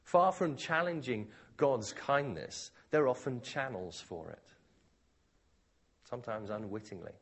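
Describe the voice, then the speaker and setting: Husky preacher with lively intonation. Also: male voice, measured pace. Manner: conversational, expository, with lively pitch. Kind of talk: sermon.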